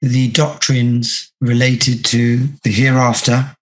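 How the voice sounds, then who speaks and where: A man with a hoarse, croaky sore-throat voice, teaching an online religious class in a measured, deliberate way. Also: mid-range voice, flat delivery. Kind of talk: online class lecture with reading aloud. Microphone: video call.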